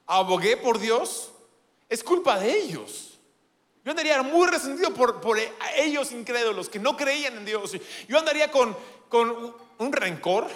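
A man preaching a sermon in an animated, playful way, with self-deprecating humor. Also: sits high, big-room sound.

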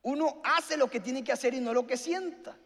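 A man's voice: very high voice, moderate pace, fairly bright tone. A man preaching a sermon and asking the congregation questions. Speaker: pastor. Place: church hall. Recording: long hall reverb with faint music.

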